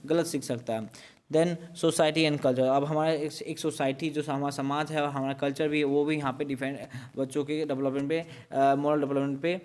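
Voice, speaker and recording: Smooth-voiced male teacher. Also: on the high side, flat delivery, a little mellow. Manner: explains slowly, mixing English terms into Hindi. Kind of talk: exam revision lecture.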